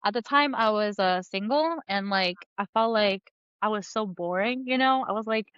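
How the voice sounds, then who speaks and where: Smooth and a bit bright, this mid-range female voice moves at a moderate pace on a lo-fi recording with no echo. The speaker is a thirty-something comic book artist from New Jersey who guests on a casual conversational podcast, rambling through her life story with many fillers and laughs.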